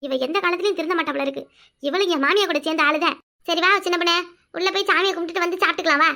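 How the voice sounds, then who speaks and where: A woman voicing a bossy, devout village woman in a cartoon comedy, with a shrill scolding manner and a Kanyakumari Tamil accent. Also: steady tone, racing, bright, forceful tone, full character voice.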